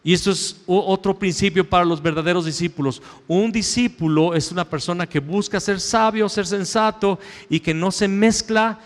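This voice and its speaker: A male pastor preaching a sermon, swinging between loud raised lines and hushed low asides. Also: moderate pace, few pauses, in a large hall. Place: church sanctuary.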